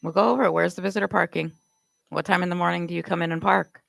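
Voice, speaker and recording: A woman's voice: fairly low pitch, fairly even intonation, fast, gravelly, a bit bright, no echo, poor audio. A Canadian woman live streaming, firing off accusatory rhetorical questions in a confrontational rant.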